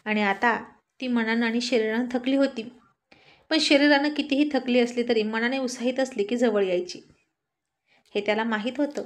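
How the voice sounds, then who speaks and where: A woman narrating a serialized romantic story in a steady, intimate storytelling manner. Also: fairly high pitch, normal speed.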